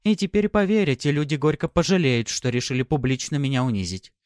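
A man's voice: on the high side, animated, brisk, darkish tone, no echo, pitched above the performer's own voice, natural voice. An imperious noblewoman who commands and teases in the same breath, her lifted tone swinging freely up and down, as a male narrator puts her on. She sounds mock-sweet and sure of her power, in a dry, close audiobook recording. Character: haughty noblewoman, imperious and teasing. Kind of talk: audiobook character voice.

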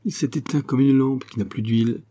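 A man's voice: mid-range voice, steady tone, a little fast, mellow, pitched above the performer's own voice, lightly acted. A man voicing a plump, bustling middle-aged mother in an audiobook, coaxing and indignant by turns. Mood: consoling.

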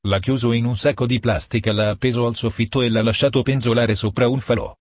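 A man voicing a furious male police investigator who shouts and rants in an audiobook reading. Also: medium pitch, steady tone, fast talker, no room sound, lightly acted. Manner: shouting, ranting.

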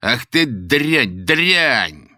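A man doing a gruff, threatening thug. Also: a little high, big pitch swings, brisk, fairly bright tone, no echo, studio quality, voice pushed up. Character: rude thuggish man, threatening.

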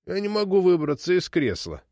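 A frail, confused old woman, suspicious and stubborn, her voice pitched high and swinging sharply as she snaps short, indignant retorts, as a man reading a storybook puts her on. The sound is close and dry. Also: huge pitch swings, brisk, darkish tone, dry recording, heavily acted. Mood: weary.

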